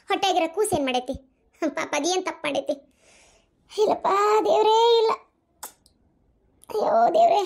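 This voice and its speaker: Woman doing a shrill north karnataka village mom in a cartoon, scolding and wailing to god. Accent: North Karnataka Kannada. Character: scolding middle-aged village mother, distraught. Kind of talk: cartoon voice acting.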